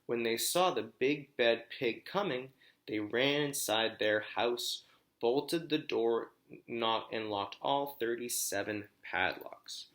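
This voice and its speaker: With a mid-range, fairly bright voice, this man performs a children's storybook like a teacher, reading expressively and pausing for explanations and questions.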